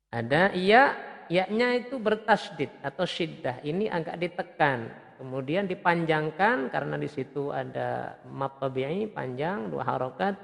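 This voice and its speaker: A man teaching Quran recitation step by step, patiently repeating sounds and chanting verses in a slow, drawn-out melodic tone. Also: a little high, vocal fry, fairly bright tone, long reverb tail.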